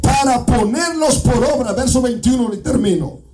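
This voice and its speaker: Impassioned high-voiced Guatemalan preacher. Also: male voice, moderate pace, distant mic, soft background music, poor audio. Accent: Guatemalan Spanish. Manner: impassioned, shouting and half-singing climaxes; repeats "amado hermano" as a refrain. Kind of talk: evangelical sermon.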